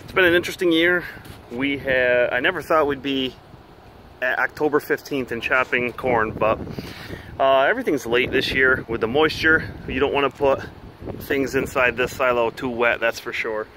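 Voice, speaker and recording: A man's voice: medium pitch, moderate pace, bright, forceful tone. A middle-aged man, a plain-spoken farmer, giving a casual explanatory tour in a folksy way. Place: outdoors in a farmyard beside silos, partly inside a steel silo. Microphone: handheld camera or phone. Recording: noisy outdoor handheld camera audio.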